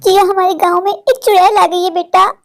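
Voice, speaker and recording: A woman's voice: very high voice, steady tone, brisk, gravelly. A woman voicing an anxious, possessive village mother in a cartoon, doting and insistent with her daughter. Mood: tender. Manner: doting, insistent, says "meri jaan". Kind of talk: Hindi cartoon voice acting.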